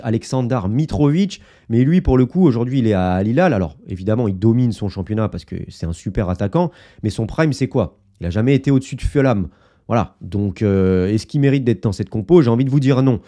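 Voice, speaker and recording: A man's voice: medium pitch, animated, fairly quick, mellow. A man hosting a casual football video, chatting opinions to his viewers with many fillers and asides. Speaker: football YouTuber. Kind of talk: casual football analysis to camera.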